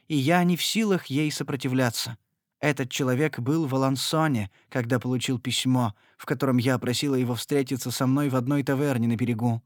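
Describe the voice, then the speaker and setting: Tearful, timid young noblewoman in a storybook reading, high and pleading, as a male reader puts her on, dry sound. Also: dry recording, lightly acted. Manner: tearful, imploring.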